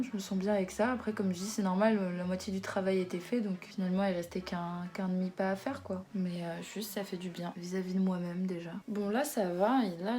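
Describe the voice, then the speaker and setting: A woman's voice: mid-range voice, warm tone. A woman in her twenties talking frankly in a casual vlog. She swears now and then and uses many fillers, recorded on a phone camera. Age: 20s. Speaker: vlogger. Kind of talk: casual confessional vlog chat.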